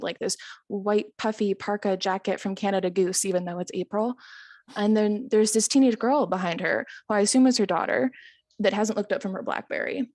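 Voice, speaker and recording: During a stand-up storytelling set, a woman comedian chats her way through a long, self-amused anecdote, laughing at her own jokes and saying um in the pauses. The sound is close, dry and echo-free, her voice mid-pitched with a darkish tone.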